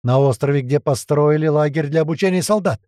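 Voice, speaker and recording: A man's voice: fairly high pitch, brisk, dark tone, no room sound, clean studio sound, lightly acted. A man voicing a frightened old male captive who cries out answers in fear in an audiobook.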